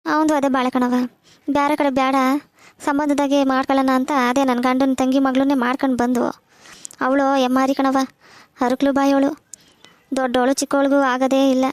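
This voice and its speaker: A woman's voice: high-pitched, little pitch movement, a little fast, long pauses, no echo, natural voice. A woman voicing a bitter, complaining old village widow with a rural Karnataka Kannada accent, full of sayings. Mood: lamenting.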